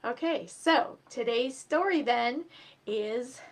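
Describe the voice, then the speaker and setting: A woman hosts a children's storytime, chatting with viewers and reading a story aloud with expression. Her voice is a little high and her pace is slow.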